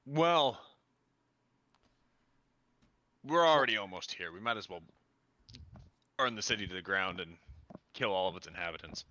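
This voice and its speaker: A stern male Legion officer barks clipped, officious questions, as a man puts him on. The voice is low, bright and forceful. The dry, dull audio sounds like lo-fi stream sound. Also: lively intonation, fairly quick, no room sound. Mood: menacing.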